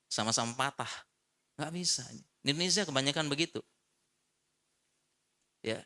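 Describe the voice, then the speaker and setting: A man preaching in a mosque, giving an animated religious lecture to the congregation and repeating short refusals for emphasis. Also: medium pitch, moderate pace, clean tone. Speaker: Islamic preacher.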